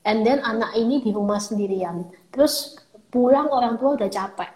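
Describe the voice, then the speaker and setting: A woman's voice: fairly high pitch, normal speed, a little mellow, rough recording. A woman hosting a casual chat, asking questions conversationally and mixing in English words. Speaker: host. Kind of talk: casual live-stream chat.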